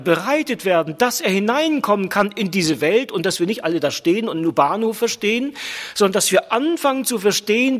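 High, lively preacher in an echoing church. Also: male voice. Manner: emphatic, repeating phrases, slowing down on key words. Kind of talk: sermon. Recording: long reverb of a large hall.

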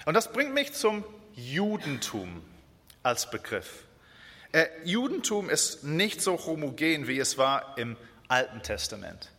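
A man from Israel preaching a sermon in German, earnest, with hesitations and slow repeated phrases for emphasis. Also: on the high side, very animated, pushed and bright. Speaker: guest preacher. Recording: reverberant church hall.

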